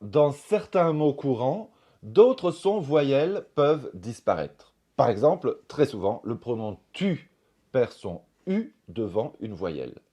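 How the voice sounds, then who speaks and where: A man with a French accent gives a pronunciation lesson, saying example phrases one by one and then repeating them. His voice is mellow and relaxed, and it moves up and down a lot. He speaks slowly and carefully. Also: medium pitch. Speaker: French teacher.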